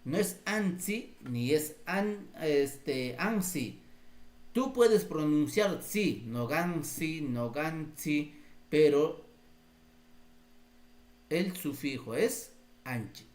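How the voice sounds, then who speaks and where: A man's voice: on the high side, animated, takes it slowly, a little mellow. A man with a Peruvian Spanish accent teaching Quechua grammar to teachers in a live class, patiently explaining and quizzing the group.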